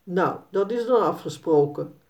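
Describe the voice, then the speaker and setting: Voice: medium pitch, lively intonation, measured pace. A woman voicing a friendly farmer who apologises and makes promises to two children, in a storybook reading, with a kindly, reassuring manner. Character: friendly farmer, grown man, good-natured. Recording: dull, slightly distant recording.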